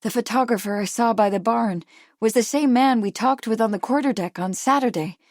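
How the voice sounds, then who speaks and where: A woman's voice: fairly high pitch, normal speed, darkish tone, no echo, clean studio sound, close to an everyday voice. A woman narrator voicing an anxious, determined young Victorian woman, speaking earnestly and urgently. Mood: intent.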